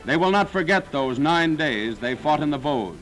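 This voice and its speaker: A man's voice: fairly high pitch, lively intonation, normal speed, fairly bright tone, soft background music, poor audio. A man narrating a 1940s wartime newsreel in a dramatic, solemn, declaiming manner.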